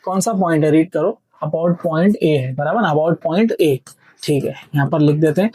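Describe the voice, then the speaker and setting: A man's voice: a little high, unhurried, warm tone, husky, no echo, low-quality recording. A man teaching engineering step by step, patiently walking students through a worked problem and checking in with them often. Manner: patient, repeats "theek hai" and checks understanding often; mixes English technical terms into Hindi speech.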